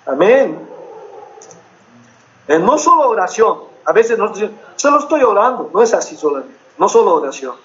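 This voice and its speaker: A man's voice: high-pitched, sing-song, normal speed, pauses often, highs cut off. A middle-aged man preaching a sermon as pastor, earnest and repetitive, often checking in with his listeners with short questions.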